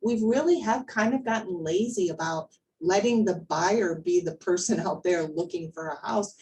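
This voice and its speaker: In an informal workplace training session, a woman talks conversationally and emphatically, asking the group questions, checking in with them and repeating words to drive points home. Her voice is lowish and darkish, at a moderate pace. The mic is distant, with faint background noise.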